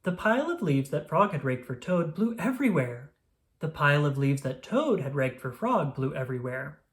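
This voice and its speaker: At normal speed and medium pitch, a narrator reads a children's story aloud with expressive, scripted delivery.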